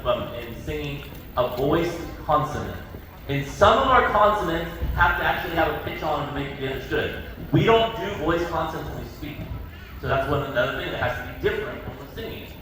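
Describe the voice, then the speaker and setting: A man with a slightly high voice teaches a choir as its judge and clinician. He explains step by step and often checks with questions. The sound is distant and very echoey, with clear background noise. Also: pushed and bright. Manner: instructive, asks checking questions and demonstrates. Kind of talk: spoken choir workshop instruction with sung demonstrations. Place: large reverberant indoor performance space.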